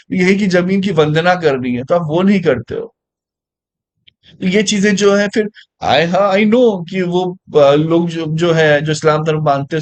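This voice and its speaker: A man teaching a current affairs lesson in a conversational way, asking listeners rhetorical questions and mixing English phrases into his speech. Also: fairly high pitch. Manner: mixes English phrases into Hindi; reads English lines slowly. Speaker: exam coaching teacher.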